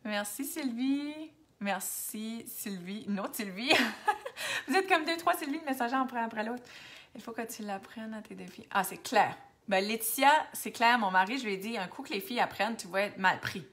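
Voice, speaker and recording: Woman, Acadian French accent, bright voice, casual live-stream chat, answers viewer comments, mixes in some English. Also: a little high, expressive, normal speed. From New Brunswick, Canada. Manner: chatty, switches to English, drops to near-whispers now and then. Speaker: makeup seller hosting a Facebook live.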